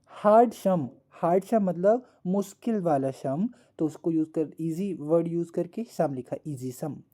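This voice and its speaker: Dark-voiced woman teaching a lesson. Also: lowish voice. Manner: repeats words slowly, asks the class questions. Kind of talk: classroom lesson explanation.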